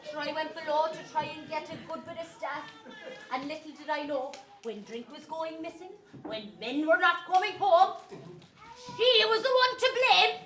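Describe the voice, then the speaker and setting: A bossy, man-hungry pantomime landlady, acted by a woman, shrill and high with a sharp bright edge. She declaims in camp style to the house, heard from far off in an echoey hall. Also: moderate pace. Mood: indignant. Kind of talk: amateur stage pantomime. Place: community centre stage.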